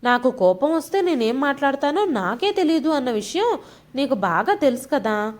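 A woman's voice: high voice, sing-song, normal speed. A woman voicing a short-tempered, irritable young husband in a storybook reading, scolding and then consoling his wife.

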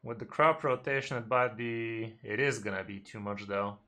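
A man's voice: lowish voice, steady tone, moderate pace, sharp tone. A man in his thirties giving casual, laid-back live game commentary, slangy and muttering to himself, on a home streaming mic. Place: small indoor room at home.

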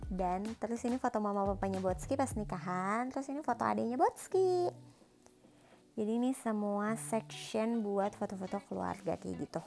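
A woman's voice: mid-range voice, animated, moderate pace, vocal fry, darkish tone, soft background music. A young woman casually narrating a house tour, describing rooms one after another. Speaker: vlogger giving a house tour.

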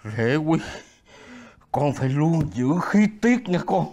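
A man's voice: very animated, slow pace, mellow, full character voice. A middle-aged actor playing a blustering, scheming father-in-law in a sitcom. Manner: blustering, jumps up high when agitated. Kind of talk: sitcom acting.

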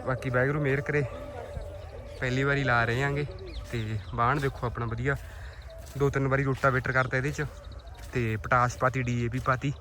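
A man's voice: mid-range voice, flat delivery, a little fast, long pauses, background noise. A man with a Malwa Punjabi accent giving chatty, informal vlog commentary outdoors in a farm field. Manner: chatty, addresses viewers and friends informally. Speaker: vlog host.

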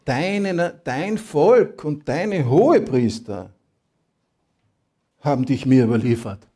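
A man's voice: a little high, expressive, slow, dark tone, husky, voice pushed up, heavily acted. A man doing an indignant Roman governor.

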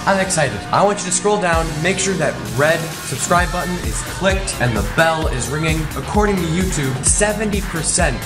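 A man's voice: a little high, expressive, normal speed, few pauses, loud music behind the voice. A young man vlogging to a handheld camera from inside his car, talking in a loose, rambling way with lots of fillers. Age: young adult. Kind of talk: casual vlog narration. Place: inside a car in a garage, also a bedroom. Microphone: handheld camera at arm's length.

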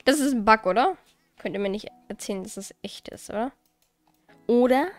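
A woman's voice: a little high, moderate pace, no echo, faint music behind. A woman hosting a let's play, giving casual, chatty commentary as she plays, often exasperated and swearing lightly.

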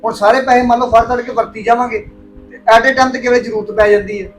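An actor playing a young husband who calmly reasons with his mother. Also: very high-pitched, quick pace, soft background music. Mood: placating. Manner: reasoning, placating. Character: calm young husband mediating family. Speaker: husband and son. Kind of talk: family drama acting.

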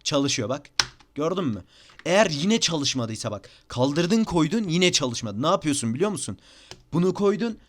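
At normal speed and in a sing-song, higher-pitched voice, a young Turkish YouTuber talks through a casual screen-recorded gaming tutorial into a desk mic. He's chatty and slightly exasperated, with "bakın" and "abi" coming up again and again.

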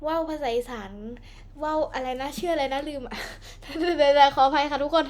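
A woman's voice: sits high, fairly even intonation, normal speed. A woman hosting a gaming channel, chatting playfully in casual gameplay commentary with an Isan Thai accent and laughing often.

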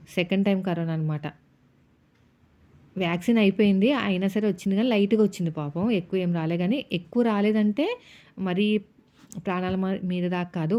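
A woman, a housewife vlogger, chatting casually as she narrates her day and retells family arguments. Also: lowish voice. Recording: dull lo-fi sound.

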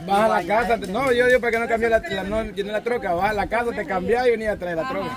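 A man's voice: sits high, quick pace, a loud crowd. A man with a Salvadoran accent hosting games, chatting casually and teasing the group outdoors. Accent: Salvadoran Spanish. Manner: teasing, laughing often. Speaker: vlog host running games.

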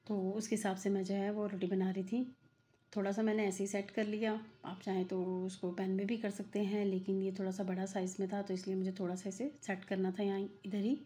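Mellow and mid-range, the voice belongs to a middle-aged woman who runs a cooking channel. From her home kitchen she gives a talkative voice-over that circles back on itself and leans heavily on fillers.

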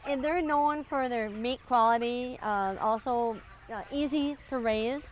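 Leading an outdoor tour of her farm, this middle-aged Minnesota woman talks in a relaxed, folksy way for a casual interview, sprinkling in plenty of "you know." She speaks a little slowly in a voice on the high side, over slight background noise.

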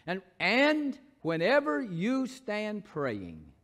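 A man with a Southern accent, a pastor preaching a sermon in church, moving between shouted scripture and quiet, folksy asides. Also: huge pitch swings, drawn-out words. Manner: preaching, swings from shouted proclamation to low asides. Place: church sanctuary.

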